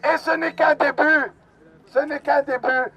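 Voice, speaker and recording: A man giving a fiery, indignant rally speech outdoors, often shouting. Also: very high-pitched, steady tone, measured pace, highs cut off. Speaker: rally speaker.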